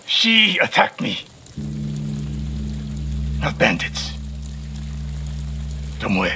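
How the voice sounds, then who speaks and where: An actor playing a stern, bitter old male archery master in exile in a video game; he speaks gruffly and curtly. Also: mid-range voice, huge pitch swings, extremely slow, full character voice. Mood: angry. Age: older. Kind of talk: video game cutscene acting.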